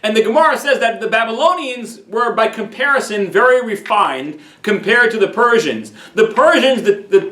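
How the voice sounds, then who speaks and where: A rabbi whose voice is extremely high-pitched and fairly bright gives a weekly Torah class lecture, recorded in an echoey room. While telling a story, he restarts frequently and repeats words.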